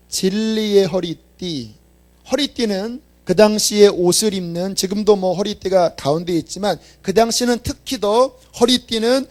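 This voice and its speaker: Animated Korean pastor, fairly high voice. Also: male voice. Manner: animated storytelling, dropping low and quiet to act out quoted speech; emphatic, rising in pitch and volume on key points. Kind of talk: sermon.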